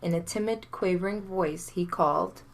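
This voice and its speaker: A woman reading a folktale aloud in a measured, expressive storytelling manner. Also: fairly low pitch.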